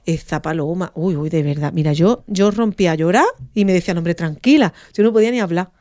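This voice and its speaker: A woman's voice: fairly low pitch, brisk, no room sound, clean studio sound. A woman, a radio guest telling an emotional story and acting out the quoted voices. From Andalusia, Spain. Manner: animated, acts out quoted dialogue.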